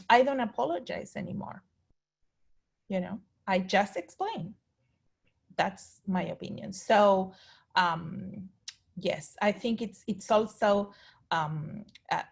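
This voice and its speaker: A woman's voice: mid-range voice, lively intonation, takes it slowly, gravelly, husky. A woman speaking frankly and reflectively as a panelist on a video call.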